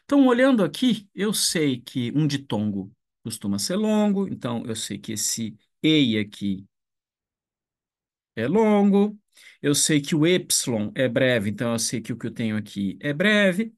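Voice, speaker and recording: A man gives an unhurried online lesson, working through each point aloud. He often restarts his sentences and checks in with the class as he goes. His voice sits at an ordinary male pitch. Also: big pitch swings. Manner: slow, thinking aloud with restarts and "né?". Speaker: ancient Greek teacher. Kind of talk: online lecture.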